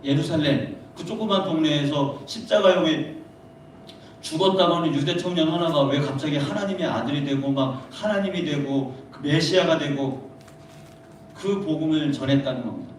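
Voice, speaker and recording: A man's voice: a little high, normal speed. A man preaching a conversational sermon to teenagers, acting out the voices he quotes. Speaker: pastor. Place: church sanctuary. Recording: echoey, distant room mic, faint noise.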